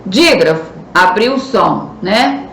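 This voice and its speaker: A woman's voice: mid-range voice, measured pace, gravelly. A Brazilian woman teacher with a Brazilian Portuguese accent, patiently explaining a recorded school lesson and stressing key words. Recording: echoey room, faint noise.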